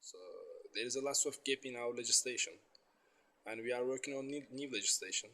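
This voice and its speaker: A man from Turkey, giving halting interview answers in English and searching for words. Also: mid-range voice, pushed and bright. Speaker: nuclear safety regulator.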